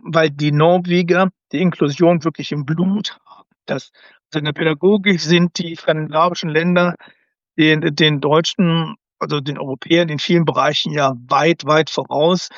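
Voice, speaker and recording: A man's voice: on the high side, dry recording. A man who grew up in Germany, a special-needs educator as podcast guest, explaining at length with frequent hesitations. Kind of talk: conversational interview. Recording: slightly dull, dry sound.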